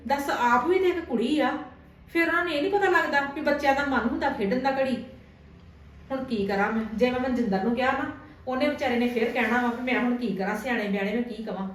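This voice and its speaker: Woman acting as a young wife arguing with her mother-in-law, high voice, distant mic, echoey room. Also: fast, slight background noise, close to an everyday voice. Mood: worried. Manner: pleading, then argumentative. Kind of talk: amateur family drama skit.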